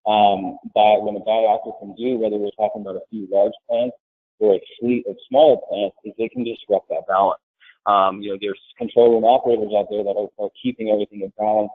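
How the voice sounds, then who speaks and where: Low-voiced man on a tinny line. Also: fairly even intonation, quick pace, no room sound. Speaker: grid security panelist. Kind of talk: webinar panel discussion. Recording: tinny phone-like line, dry.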